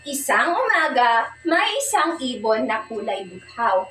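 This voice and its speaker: A woman's voice: fairly high pitch, big pitch swings, unhurried, bright, forceful tone, slight background noise. A young woman teaching a class in a sing-song way, praising and quizzing pupils as she reads a fable. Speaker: student teacher giving a demo lesson. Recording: echoey room, far from the mic.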